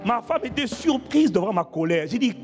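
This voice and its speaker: A man's voice: high voice, big pitch swings, moderate pace, big-room sound, over music. A man preaching a sermon as pastor, emphatic and calling out to the congregation. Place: church.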